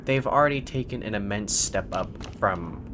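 A man's voice: lowish voice, expressive, normal speed. A young man streaming a horror game with scared, jumpy commentary and sweary, sarcastic asides. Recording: faint-to-clear game noise behind voice. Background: horror game ambience.

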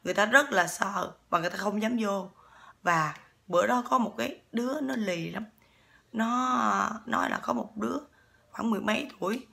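A woman with a Southern Vietnamese accent tells a ghost story in a relaxed, chatty way and keeps turning to her listeners. Her voice is bright and pointed, with a gravelly fry running through it. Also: mid-range voice. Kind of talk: casual ghost-story telling.

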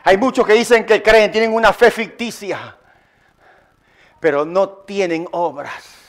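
A male pastor preaches a Sunday sermon at a strikingly high pitch. He speaks slowly and emphatically, repeating his phrases and calling on the congregation to answer back. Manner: emphatic, repetitive call-and-response preaching. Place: church service. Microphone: live-streamed sermon.

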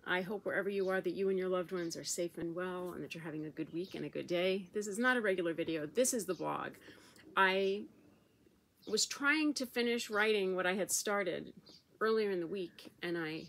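A woman speaking in her personal video blog, emotional and halting, close to tears. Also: on the low side, gravelly, fairly bright tone, slight background noise. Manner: emotional, halting, tearful at times. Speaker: vlogger.

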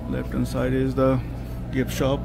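Music plays in the background as a man with a medium-pitched, monotone voice speaks a little slowly, with vocal fry. He's a travel vlogger shooting a casual food video on a handheld camera, moving through restaurants and along streets, inside and out, and praising the dishes simply and warmly. The recording has noisy handheld audio.

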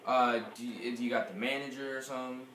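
Young male prank caller, mid-pitched, rambling and casual, echoey room with clear background noise. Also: fairly even intonation, fast talker. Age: young adult. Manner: rambling, repeats himself. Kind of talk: casual chat and prank call. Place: small furnished room at home. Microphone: camera a short distance away. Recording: echoey room, noisy camera mic.

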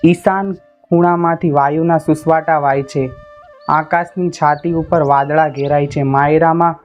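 Higher-voiced man reading a folk tale. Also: darkish tone. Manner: measured, poetic reading. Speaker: storyteller. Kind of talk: dramatic folk-tale narration. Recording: dull lo-fi recording with faint instrumental music.

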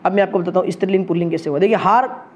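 A man's voice: high-pitched, racing. A young Indian man, a coaching teacher who goes through exam questions and keeps quizzing his viewers. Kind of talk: solving test questions for viewers.

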